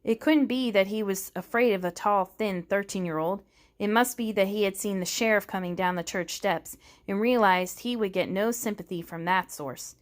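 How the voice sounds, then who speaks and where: A woman's voice: medium pitch, normal speed. Woman reading a novel aloud. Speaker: reader.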